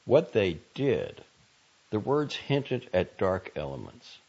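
Deep-voiced man reading an article aloud. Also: very animated, darkish tone, muffled recording. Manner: slow, deliberate, grave delivery. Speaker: narrator reading a magazine article. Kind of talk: measured audio article narration.

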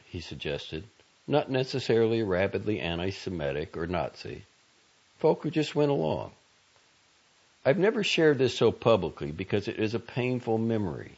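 A man narrating a magazine article in a slow, deliberate, grave manner. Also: low voice, a little mellow, highs cut off. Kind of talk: measured audio article narration.

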